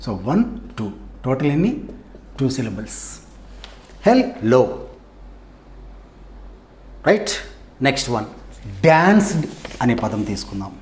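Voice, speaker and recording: A middle-aged man with a Telugu accent, teaching English grammar in a classroom style. His voice sits a little high and swings a lot in pitch, rising on questions and dropping low as he answers himself. He breaks words into syllables and says each one slowly and clearly. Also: a little mellow.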